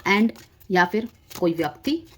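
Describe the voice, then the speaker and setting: Speaking a little slowly in an animated, mid-range voice, a woman explains a collective tarot reading straight to her viewers. She slips English words into her Hindi, and there's slight background noise.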